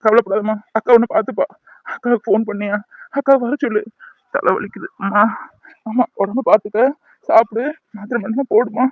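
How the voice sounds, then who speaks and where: A young man voicing a gravely injured young man in a cartoon, talking in pain and pleading with his mother. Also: sits high, fairly even intonation, brisk, long pauses, no room sound, phone-quality sound. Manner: pained, pleading, resigned. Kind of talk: cartoon voice acting.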